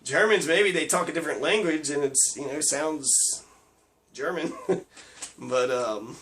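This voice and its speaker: High-voiced man in a sweary rant. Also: a little slow, a bit bright, slight background noise. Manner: sarcastic, rambling, swears a lot, laughs at his own jokes. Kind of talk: profane ranting monologue.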